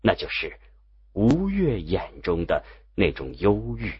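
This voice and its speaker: A man narrating a novel in an expressive storytelling manner, with a very husky voice. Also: deep voice, slow, dull audio. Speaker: audiobook narrator.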